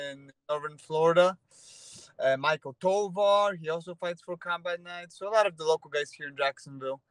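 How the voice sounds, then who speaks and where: Speaking into a phone held at arm's length in his parked car, this fighter, a thirty-something native Polish speaker from Poland, chats loosely in a video-call interview with lots of fillers and restarts. His medium-pitched voice has a clean tone. The recording is low-quality but free of room sound.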